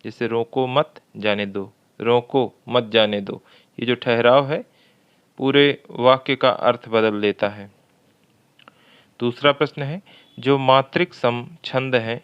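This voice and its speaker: A man's voice: medium pitch, smooth, dull audio. A man teaching a Hindi grammar lesson for exam preparation, reading each question twice and working through it step by step. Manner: slow and methodical, repeats questions aloud.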